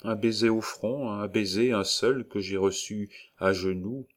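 A man reading the part of a gentle, devoted young woman, speaking softly and earnestly. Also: fairly low pitch, steady tone, measured pace, lightly acted. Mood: pleading.

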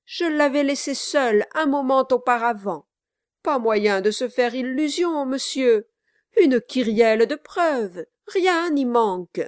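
A woman's voice: sits high, lively intonation, slow, dry recording, pitched above the performer's own voice. A fussy, sanctimonious lawyer laments in a raised, whining voice, as a woman reader puts him on. He sighs over the shame of it in a dry, close recording.

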